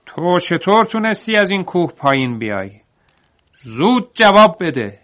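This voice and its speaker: A man voicing a cruel, greedy male master in a spoken storybook, shouting in fear and anger. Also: sits high, sing-song, pitched above the performer's own voice. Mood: frightened shouting. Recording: dull lo-fi audiobook recording.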